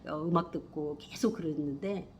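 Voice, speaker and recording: A middle-aged woman telling a personal spiritual story in a rambling, emphatic way, swinging from hushed to loud. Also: low-pitched, normal speed, slight background noise. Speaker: spiritual vlogger.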